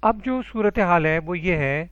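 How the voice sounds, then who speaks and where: High-pitched guy teaching arabic online, encouraging, dry dull audio. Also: expressive, a bit bright, dry recording. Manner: patient, encouraging, calls students by name.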